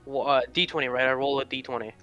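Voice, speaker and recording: A man's voice: medium pitch, steady tone, quick pace, fairly bright tone, smooth, muffled recording, faint music behind. A man playing a tabletop game over an online call, tentative and unsure about the rules. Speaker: player. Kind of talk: casual tabletop play.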